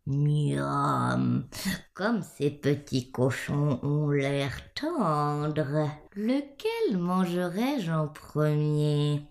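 A woman voicing a sly, hungry male wolf in a bedtime story, with a slow, menacing drawl. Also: low voice, expressive, gravelly, darkish tone, pitched below the performer's own voice, exaggerated voice.

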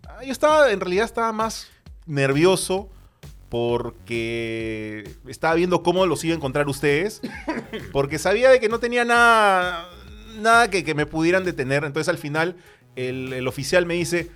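A man's voice: a little high, animated, normal speed, a bit bright, soft background music. A man with a Peruvian accent, a comedy podcast co-host telling a long, rambling, self-mocking story in casual chat. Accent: Peruvian Spanish.

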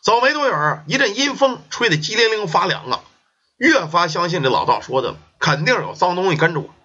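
Guy narrating a ghost tale, animated, kinda husky. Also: sits high, brisk. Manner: lively colloquial storytelling. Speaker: storyteller. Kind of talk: folk ghost story narration. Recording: dull lo-fi recording.

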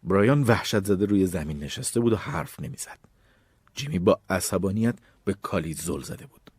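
A man in scripted narration, reading a suspense novel aloud with expressive storytelling. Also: deep voice, slightly rough, no echo. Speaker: audiobook narrator.

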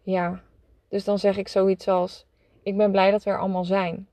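A woman's voice: mid-range voice, flat delivery, normal speed, warm tone, no room sound, natural voice. A woman voicing a cheerful little mole in a storybook, earnest and playful. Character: cheerful small mole who loves cake.

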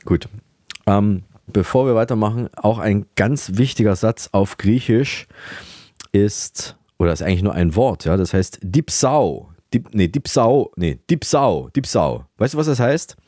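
A man hosting a comedy podcast, rambling and hesitant with many fillers, in a deadpan tone. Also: on the low side, normal speed, no echo, studio quality. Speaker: podcast host.

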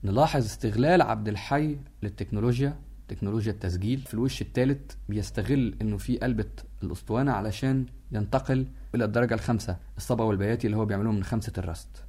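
A man's voice: lowish voice, racing, dark tone. A man with an Egyptian accent giving an explanatory lecture, walking listeners through musical details. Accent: Egyptian Arabic.

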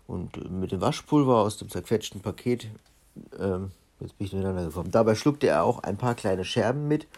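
Brief: man reading a storybook to kids, low, gravelly, husky. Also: a little mellow. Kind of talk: reading a children's book aloud.

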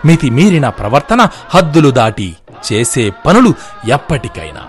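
Expressive male storyteller. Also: mid-range voice, normal speed, faint music behind. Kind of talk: scripted epic narration.

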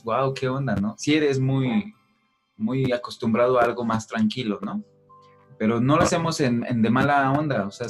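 Relaxed young Mexican man explaining. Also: medium pitch. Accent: Mexican Spanish. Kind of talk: casual conversation.

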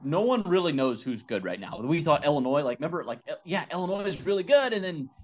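A young man with a fairly high voice talks fast as co-host of a college football podcast. The sports talk is casual and animated, packed with fillers and restarts.

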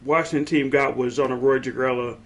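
A man's voice: medium pitch, fairly even intonation, a little fast. A man co-hosting a casual sports podcast, joking and laughing often, rambling as he recalls old games. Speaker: podcast co-host.

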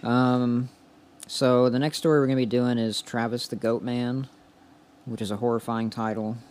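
A man's voice: mid-range voice, little pitch movement, normal speed, a little mellow. A man co-hosting a podcast, talking loosely with lots of fillers and swearing, reading out a sponsor plug and a story. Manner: loose, filler-heavy and profane. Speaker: podcast co-host.

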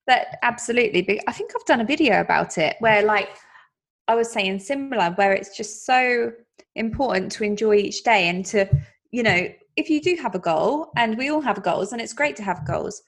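A woman's voice: on the high side, animated, normal speed. A woman in her thirties, chatting earnestly on a podcast and laughing often. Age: 30s. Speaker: podcast host. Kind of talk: casual chat.

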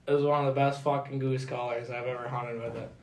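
A man's voice: medium pitch, level tone, brisk, darkish tone, reverberant, a little hiss or hum. A man working as a hunting guide, telling loose, profane stories with lots of laughter in casual podcast chat.

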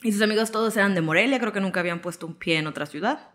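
A young woman from Yucatán, Mexico, a content creator chatting in an interview, with a softened Yucatán accent, laughing often and acting out quoted dialogue. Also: mid-range voice, very fast. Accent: Yucatán Spanish, softened. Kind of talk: casual interview chat.

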